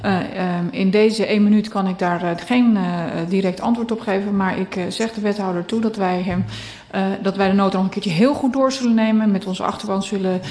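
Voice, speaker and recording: A woman speaking for her party in a council meeting, halting and searching for her words. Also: mid-range voice, steady tone, a little mellow. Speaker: council member. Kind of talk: formal council speech. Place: council chamber. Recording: echoey room.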